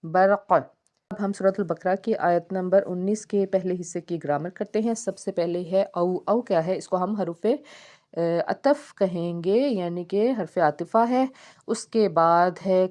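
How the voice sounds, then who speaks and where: A woman teaching a Quran tajweed lesson, spelling out syllables slowly and explaining the recitation rules. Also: fairly low pitch, a little mellow. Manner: slow, deliberate syllable-by-syllable spelling with drawn-out recitation.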